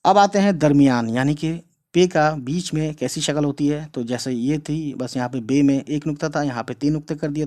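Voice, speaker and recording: A man's voice: medium pitch, dark tone. A man teaching an Urdu lesson online, explaining patiently and repeatedly, checking in with viewers and calling them guys. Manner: addresses viewers casually as guys.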